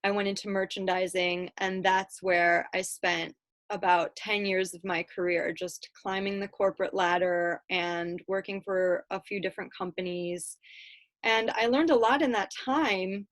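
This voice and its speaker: A woman in her thirties from Chicago telling her life story in a relaxed, chatty way, with frequent ums and little laughs. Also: medium pitch, measured pace, dry recording. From Chicago, United States. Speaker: guest speaker. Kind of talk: casual personal storytelling.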